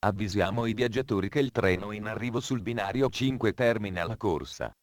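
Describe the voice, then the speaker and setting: Deep, formal station announcer man. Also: fairly quick, dry recording, studio quality. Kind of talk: scripted train station announcements.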